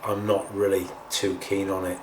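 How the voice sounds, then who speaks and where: Low-voiced man in a roomy, distant recording. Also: completely flat delivery, moderate pace. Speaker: host of a scale model painting tutorial. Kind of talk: casual hands-on tutorial talk. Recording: roomy, distant mic, faint noise.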